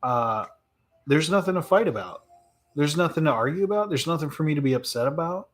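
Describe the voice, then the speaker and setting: A man streaming live and answering viewer questions in a relaxed, rambling way, thinking aloud with plenty of fillers and laughs. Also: a little high, fairly quick. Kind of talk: casual live chat.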